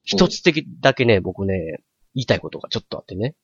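Osaka guy in his 40s talking super fast, lively swings, dull lo-fi sound. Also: on the low side, gravelly, breathy edge, no room sound. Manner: animated storyteller, sound effects. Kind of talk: casual chat.

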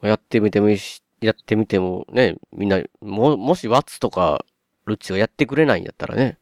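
A man with a Kansai accent, chatting on a podcast as a co-host and telling stories in an animated way, acting out his own surprised reactions. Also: on the low side, fairly quick, dry recording, clean studio sound. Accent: Kansai Japanese. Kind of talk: casual podcast chat.

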